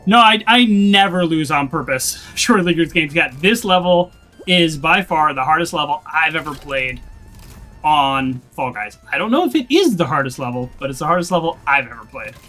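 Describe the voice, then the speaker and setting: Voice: mid-range voice, expressive, normal speed, bright, forceful tone, soft background music. A game streamer chatting casually to viewers during a live stream, with frequent restarts and little laughs.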